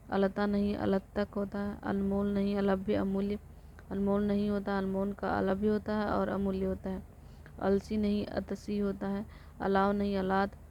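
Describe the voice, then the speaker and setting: Female tutor drilling exam word lists in a very flat voice; muffled recording. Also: mid-range voice. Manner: flat rote recitation, corrects herself. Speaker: teacher. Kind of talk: reciting exam vocabulary lists. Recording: dull lo-fi recording with faint noise.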